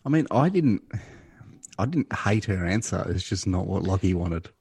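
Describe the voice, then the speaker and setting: A man's voice: deep voice, animated, moderate pace, creaky, darkish tone, husky, no echo. An Australian man co-hosting a podcast, making laid-back, dry remarks in casual chat about a reality show. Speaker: podcast co-host.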